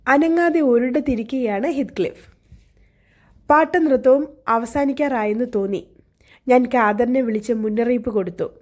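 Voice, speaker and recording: A woman narrating an audiobook in a steady, measured first-person storytelling manner. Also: on the high side.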